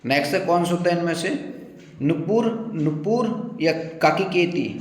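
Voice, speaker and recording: Male teacher, exam quiz lesson, raised pitch, echoey room with long reverb. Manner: explains, repeats words slowly, asks listener.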